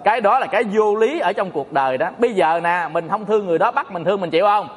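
A man's voice: sits high, animated, quick pace. A man, a Buddhist monk giving a folksy, joking sermon to an audience. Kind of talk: Dharma talk sermon. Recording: echoey hall reverb.

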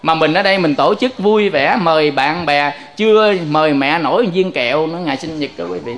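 A man giving a Buddhist sermon, telling stories with lively gestures in his words and often turning to ask his listeners questions. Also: a little high, a little fast. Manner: lively storytelling, addressing listeners directly. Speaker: Buddhist preacher.

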